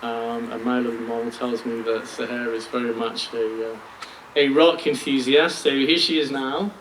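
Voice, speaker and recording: A man's voice: mid-range voice, fairly even intonation, normal speed. A middle-aged British man, a school principal, giving a self-deprecating graduation speech with many ums and restarts. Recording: distant mic with faint noise.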